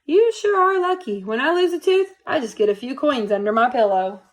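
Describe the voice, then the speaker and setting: A woman's voice: sits high, animated, a little fast. A woman voicing a young boy, a storybook brother, in a casual childlike way. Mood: envious.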